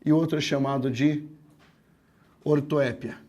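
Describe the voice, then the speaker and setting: A man teaching a grammar lesson, explaining step by step, asking the class questions, and slowing down to break words into syllables. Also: a little high, fairly even intonation, a little mellow. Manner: slows down to spell out words syllable by syllable. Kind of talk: classroom lecture.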